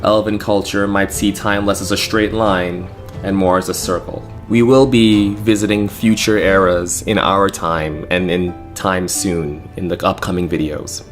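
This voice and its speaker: Deep-voiced man narrating steadily. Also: fairly even intonation, a little slow, over music. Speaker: narrator and channel host. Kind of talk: scripted narration.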